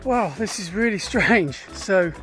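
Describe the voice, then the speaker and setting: Weary British male running vlogger, higher-pitched, candid and chatty, music in the background. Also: lively intonation, measured pace, fairly bright tone. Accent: British English. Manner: chatty, candid, self-deprecating. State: tired and dizzy mid-run. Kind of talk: casual vlog narration.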